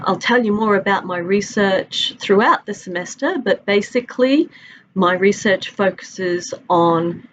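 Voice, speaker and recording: A middle-aged Australian woman, a university instructor, records a friendly, conversational course introduction from her office, which has a large window. Her voice is medium-pitched, and she stretches out listed items. The audio from her desk webcam sounds dull, with a little hiss or hum.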